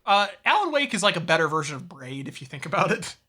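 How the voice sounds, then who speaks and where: A man's voice: fairly high pitch, big pitch swings, fast, pushed and bright, slightly rough. A man co-hosting a podcast in casual, rambling, profane chat, now and then reading out news. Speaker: podcast co-host.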